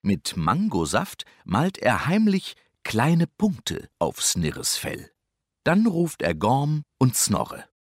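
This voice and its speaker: A middle-aged man narrating a children's storybook in a lively, expressive, unhurried manner. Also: medium pitch, no echo, clean studio sound.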